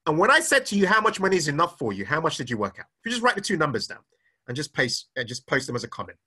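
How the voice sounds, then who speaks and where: Lively, husky-voiced man teaching money live. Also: a little high, rapid-fire. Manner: energetic, repeats questions, reads comments aloud. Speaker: finance speaker. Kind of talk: live-streamed teaching talk.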